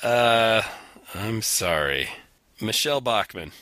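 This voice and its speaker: A man's voice: on the low side, expressive, slow, bright, forceful tone, no echo. A man co-hosting a casual political chat, sarcastic and profane. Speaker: podcast co-host.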